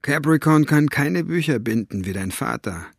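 A man playing a wary, scarred grown man who speaks in a low, hushed, insinuating way. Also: lively intonation, moderate pace, vocal fry, husky, no room sound, studio quality.

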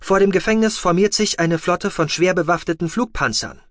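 A man voicing a male ship computer that gives crisp, factual reports. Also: sits high, moderate pace, fairly bright tone, no echo, studio quality, pitched above the performer's own voice. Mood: reporting.

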